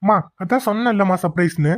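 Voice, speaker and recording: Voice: medium pitch, quick pace, lightly acted. A performer voicing a foolish, boastful young villain son in a cartoon, smug and whiny. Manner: smug, whiny when scolded. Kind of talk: cartoon voice acting.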